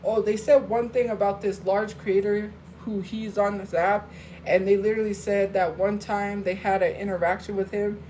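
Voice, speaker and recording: A woman rants live to her phone audience, defensive and worked up. Her voice sits at an ordinary middle pitch. A faint hiss runs under the stream. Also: flat delivery, normal speed, warm tone, rough recording. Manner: heated and defensive, talks straight to viewers. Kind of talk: casual live-stream rant.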